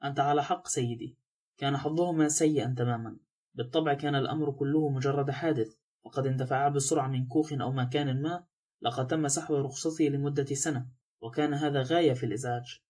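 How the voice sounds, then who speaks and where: A careless young man shrugs off blame in a slow, offhand drawl, as a man reading an audiobook voices him. He sounds casual and unbothered. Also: mid-range voice, fairly even intonation, a little mellow, husky, lightly acted.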